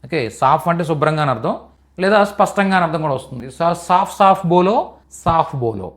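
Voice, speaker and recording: A man's voice: fairly high pitch, lively intonation, a little fast. A man teaching in a live online language class, repeating each phrase patiently for students. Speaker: Hindi teacher.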